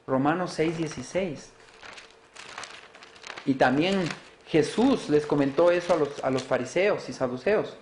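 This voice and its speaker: A man's voice: on the high side, a little slow, pauses often, darkish tone, echoey room, slight background noise. A man preaching a sermon, asking his listeners rhetorical questions and answering them with rising emphasis.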